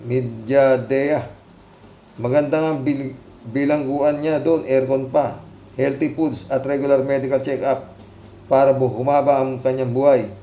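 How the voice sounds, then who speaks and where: A man's voice: mid-range voice, steady tone, a little slow, dark tone, lo-fi sound, slight background noise. A man hosting a casual commentary show, reading out viewer comments with sarcastic, mocking remarks and frequent laughter. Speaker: commentary channel host. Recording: roomy echo.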